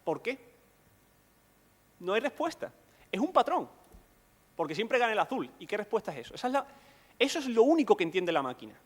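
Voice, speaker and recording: A man's voice: very high voice, big-room sound. A man giving a conference lecture, explaining step by step and often checking in with rhetorical questions.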